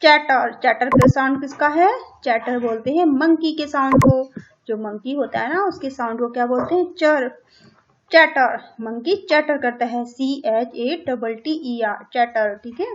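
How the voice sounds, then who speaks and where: A high-voiced woman teaches young children in an online class mixing Hindi and English, speaking at a moderate pace. She repeats each word over and over, spells it letter by letter, and keeps asking the class questions. The audio is slightly dull and lo-fi, with a little hiss or hum.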